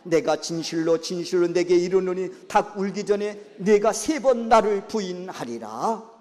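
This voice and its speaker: A man's voice: high-pitched, animated, unhurried, darkish tone, long reverb tail. A pastor voicing a solemn male teacher who speaks in stern, declaiming quotes.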